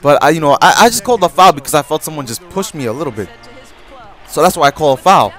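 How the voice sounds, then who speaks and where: A man's voice: a little high, lively intonation, quick pace, a bit bright, faint music behind. A young man telling a rambling story in a casual vlog, with lots of restarts and a sore throat, as a gaming YouTuber.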